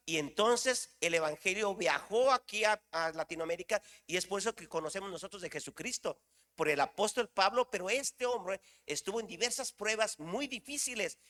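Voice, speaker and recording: Animated high-voiced preacher. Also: male voice, big-room sound. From Mexico. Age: middle-aged. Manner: animated, shouts exclamations, asks the congregation questions. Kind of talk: sermon.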